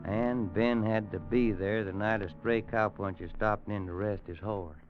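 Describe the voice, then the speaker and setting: This muffled old radio recording, with music, features an actor as a weary, worried Western man telling a grim story. His voice is on the low side, lightly acted, a little slow, with fairly even intonation. The 1950s folksy American drama style makes the mood grave and haunted.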